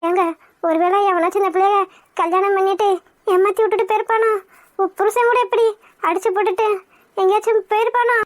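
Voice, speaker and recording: A woman's voice: very high-pitched, fairly even intonation, fast talker, pauses often, no echo, studio quality. A woman voicing a caring, anxious middle-aged housewife in a cartoon, fussing in a motherly way. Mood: worried, caring. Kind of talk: cartoon voice acting.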